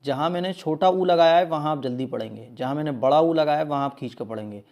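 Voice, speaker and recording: A man teaching Quran recitation, quickly explaining each word and then reciting it slowly and drawn out. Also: a little high, muffled recording. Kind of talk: step-by-step recitation lesson.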